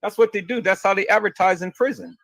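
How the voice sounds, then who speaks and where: Man going off on a crude rant, rambling, repeats himself, kinda high voice. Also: fast talker, a bit bright, dry recording. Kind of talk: ranting monologue.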